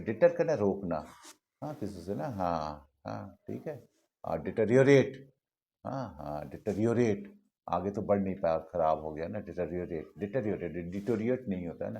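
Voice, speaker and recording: A man's voice: sits low, gravelly, warm tone. A male physics teacher, lecturing a class in a chatty way, repeating words and asking students questions.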